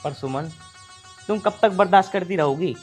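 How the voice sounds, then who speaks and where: A man's voice: high-pitched, moderate pace, soft background music, close to an everyday voice. An actor playing a young husband caught between his wife and his mother, insistent and protective. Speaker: husband and son. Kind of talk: rural comedy drama acting.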